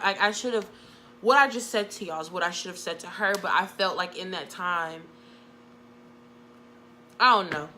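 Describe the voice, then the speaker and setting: A woman's voice: on the low side, sharp tone, a little hiss or hum. A young woman telling a casual storytime about her past job, chatty and full of "like," often acting out what people said. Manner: chatty, full of "like" fillers, quotes people vividly. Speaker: vlogger.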